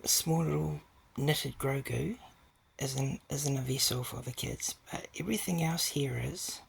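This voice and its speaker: A man's voice: mid-range voice, unhurried, gravelly, breathy edge. A man giving a casual video update, talking in a hesitant, rambling way with many fillers and restarts, and often dropping to a whisper. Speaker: vlogger.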